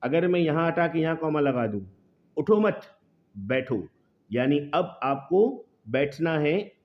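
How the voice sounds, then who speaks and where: A man giving a video lecture on English grammar mistakes. He calls his students "beta" and slows down to read example sentences word by word. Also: fairly high pitch, expressive. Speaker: English teacher. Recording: slightly dull lo-fi audio.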